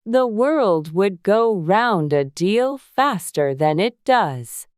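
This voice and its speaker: A woman's voice: medium pitch, expressive, slow pace, dry recording, studio quality. A woman voicing a bossy, bad-tempered duchess with a curt, theatrical, scolding delivery in a dramatized storybook audiobook. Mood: irritable, curt.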